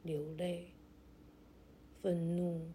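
Very slow sleep-story style woman narrator. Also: fairly low pitch, level tone, a little hiss or hum. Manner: gentle, soothing, deliberate with long pauses. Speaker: guided meditation host.

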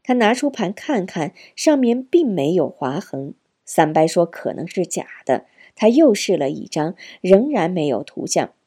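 A woman narrating a novel as an audiobook in an expressive storytelling manner. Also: lowish voice, a little slow, hardly any pauses, breathy edge. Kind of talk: novel reading.

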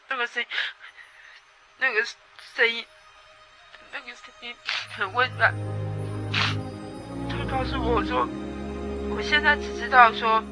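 A young woman tells her own story in a halting testimony, repeating words as she goes. Her voice sits fairly high and rings very bright, and it jumps between loud outbursts and near whispers. Soft music plays faintly behind her. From Taiwan, Atayal people. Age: young adult. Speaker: guest giving personal testimony. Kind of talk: personal testimony.

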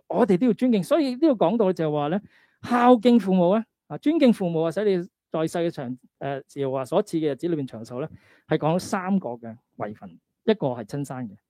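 A male pastor gives a conversational sermon in a Hong Kong Cantonese accent. His voice sits fairly high for a man and has a very soft, mellow tone. He exhorts his listeners, often posing questions and checking that they follow. The recording is close and dry. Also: big pitch swings, fast talker, dry recording. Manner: exhorting, asks rhetorical questions and check-in tags. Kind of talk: conversational sermon with scripture readings.

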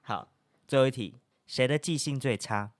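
A man's voice: medium pitch, moderate pace, dry recording. A man with a Taiwanese accent, playful and teasing, hosting in casual banter. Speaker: co-host and quizmaster.

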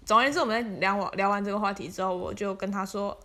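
A woman's voice: medium pitch, fairly even intonation, racing, pushed and bright. A woman, casually telling stories as a podcast host, chatty and laughing often. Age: 20s. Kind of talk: casual storytelling monologue.

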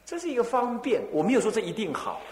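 Taiwanese monk preaching, voice swinging all over, chuckling, big echoey hall. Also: male voice, sits high, fast talker, a little hiss or hum. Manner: lively storytelling, rhetorical questions, chuckles. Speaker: abbot, Buddhist teacher. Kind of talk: Buddhist dharma talk.

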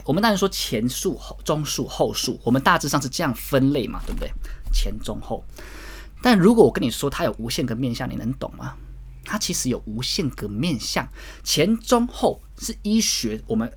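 Husky chatty man telling a gym story. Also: medium pitch. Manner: chatty, rambling, demonstrates exercises while talking. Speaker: gym-goer vlogger. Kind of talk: casual storytelling.

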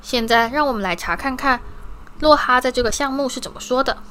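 A woman's voice: high-pitched, fairly quick, slight background noise. A woman reading as a stern, caring mother witch. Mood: gentle. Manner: scolding, firm then soft.

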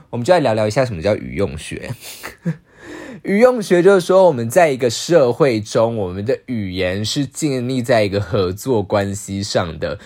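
A man hosting a podcast monologue, explaining ideas in an exasperated, sarcastic lecturing way. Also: on the low side. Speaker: podcast host.

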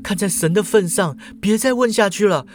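A man's voice: sits high, moderate pace, pitched above the performer's own voice, close to an everyday voice. A man voicing a frightened queen who pleads in a raised, agitated voice.

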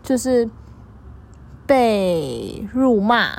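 A young woman, a store clerk telling her followers a story in a chatty, animated way and repeating things for emphasis. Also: on the high side, very slow, gravelly.

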